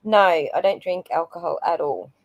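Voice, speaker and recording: A woman's voice: lowish voice, moderate pace, no room sound, dull audio. Giggly woman on a dry video call. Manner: giggly, reactive interjections. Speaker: livestream panelist. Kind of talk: casual chat.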